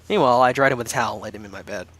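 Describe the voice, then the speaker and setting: He talks at a racing pace in a medium, fairly bright voice while co-hosting this casual let's-play, cracking jokes, laughing a lot and voicing the visual novel's text. Slight background noise is present.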